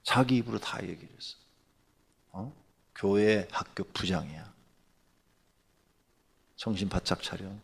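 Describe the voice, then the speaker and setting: A pastor giving a dawn sermon, telling a story in a lively way that swings from hushed asides to loud bursts. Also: male voice, low-pitched, a little slow, creaky, pauses often, breathy edge. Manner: animated, swings from hushed to shouting.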